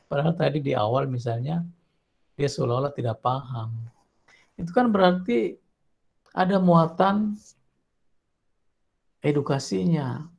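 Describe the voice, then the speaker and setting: A man who is a university lecturer, giving a classroom lecture in an animated way and acting out short student voices as examples. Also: on the high side, unhurried, creaky, pauses often, lo-fi sound. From South Sulawesi, Indonesia. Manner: animated, acts out student voices while explaining.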